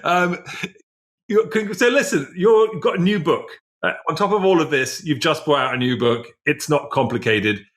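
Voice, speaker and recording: A man's voice: on the high side, fairly bright tone. A man co-hosting a podcast, asking rambling questions in a casual interview chat. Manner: rambling, halting restarts. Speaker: podcast co-host.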